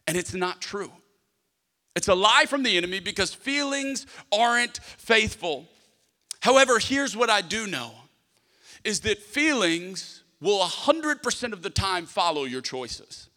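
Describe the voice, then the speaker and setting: The hall's long reverb carries a high-pitched, sharp-toned male voice with big pitch swings, delivered a little slowly. Preaching to a congregation, he's emphatic and conversational, repeating phrases for listeners to echo, acting out short dialogues and sharing funny stories from his life.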